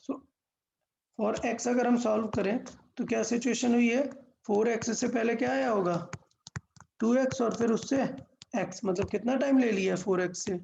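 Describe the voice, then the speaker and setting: A woman's voice: a little high, steady tone, normal speed, gravelly, dark tone, highs cut off, slight background noise. A woman teaching a physics lesson step by step, asking questions and answering them herself, mixing English terms into Hindi.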